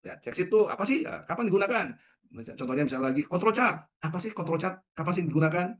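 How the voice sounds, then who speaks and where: A man's voice: sits high, expressive, quick pace, a little hiss or hum. A middle-aged man giving a leadership webinar in a conversational way, often putting questions to his audience. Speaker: leadership trainer. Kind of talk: webinar talk.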